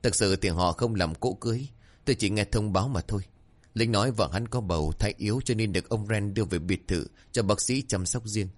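A man's voice: on the low side, a little fast, lightly acted. A man doing a frightened village father. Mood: recounting. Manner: urgent, panicked.

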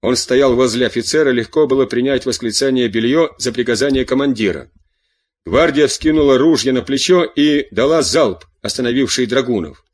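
Man narrating a novel, measured. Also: mid-range voice. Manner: steady, measured reading. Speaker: audiobook narrator. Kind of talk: scripted narration of a classic novel.

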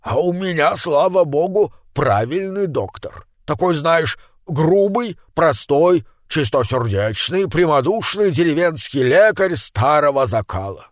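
A man's voice: fairly high pitch, animated, a little slow, hardly any pauses, no room sound, studio quality, pitched above the performer's own voice. A man doing a sly, drawling old uncle. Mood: teasing. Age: older.

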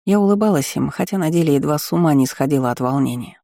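A man narrating an audiobook in a calm, even reading voice. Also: fairly high pitch, fast talker, gravelly, no echo, clean studio sound. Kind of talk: scripted narration.

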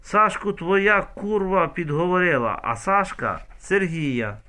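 A woman's voice: on the low side, slow pace, sharp tone, pitched above the performer's own voice. A man reading an audiobook, voicing a grief-crazed village mother who shrieks in a frenzy. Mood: frenzied.

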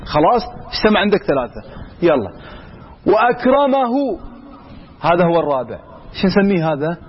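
Lively high-voiced male teacher, husky tone. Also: dull audio. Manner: quizzes students with repeated examples. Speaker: grammar teacher. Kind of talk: classroom lesson.

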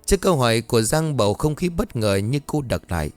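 A man's voice: mid-range voice, big pitch swings, fast, no room sound, faint music behind. A man telling a scripted horror story, voicing every character himself. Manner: voices all characters himself, shifting tone for dialogue.

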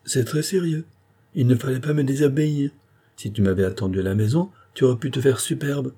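A man's voice: mid-range voice, a little fast, mellow, pitched above the performer's own voice, lightly acted. A man voicing a playful young wife in an audiobook, with teasing commands.

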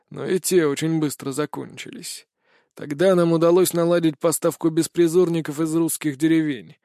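A cold, rasping old schemer sneers through his confession in an audiobook, as a man reads him. The voice sits a little high, and the sound is dry and close. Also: dark tone, no echo, lightly acted. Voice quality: rasping, scornful. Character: cruel old male high councillor, villain.

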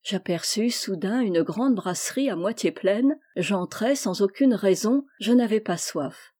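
A woman narrating a classic short story in a measured, expressive literary reading. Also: medium pitch.

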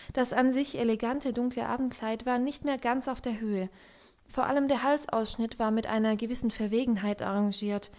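A woman reading a novel aloud in a calm, even tone. Her voice sits fairly high and the narration flows steadily. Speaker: audiobook reader. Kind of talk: literary narration.

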